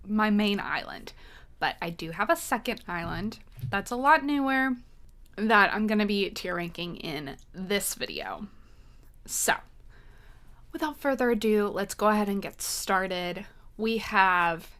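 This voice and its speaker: A woman's voice: mid-range voice, fairly bright tone. A woman giving her casual, dryly sarcastic take as she ranks game characters in a tier-list vlog. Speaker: gaming video creator.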